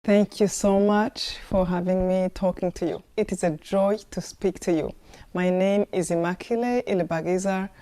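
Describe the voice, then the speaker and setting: A woman's voice: fairly low pitch, steady tone, normal speed, dark tone. A woman from Rwanda giving an earnest testimony talk, with emphatic rhetorical questions. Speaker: speaker.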